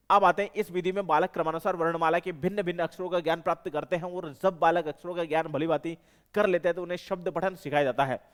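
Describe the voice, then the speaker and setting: Man, Rajasthani Hindi accent, exam-prep teacher, clear resonant voice, somewhat high pitch, repetitive explaining. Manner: explanatory, repeats key terms, self-corrects mid-word.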